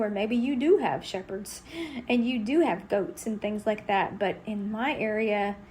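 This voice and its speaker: A woman's voice: mid-range voice, darkish tone, a little hiss or hum. A middle-aged woman from Texas, giving an earnest, conversational devotional Bible teaching.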